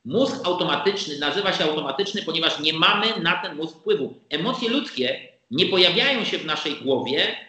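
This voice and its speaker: A man explaining negotiation ideas in an animated conversational way, acting out the quoted exchanges. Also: on the high side, reverberant, low-quality recording. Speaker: negotiation expert guest.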